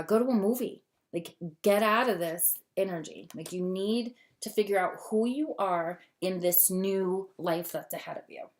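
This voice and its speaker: A woman doing a casual tarot reading to camera, talkative and long-winded, gushing and easily excited. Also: fairly low pitch. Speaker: tarot reader.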